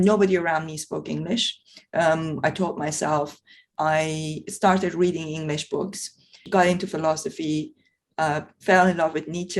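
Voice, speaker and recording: A woman, a podcast host talking earnestly and personally, thinking aloud with frequent fillers. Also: low voice. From Iran. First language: Persian. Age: 40s. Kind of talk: reflective conversation.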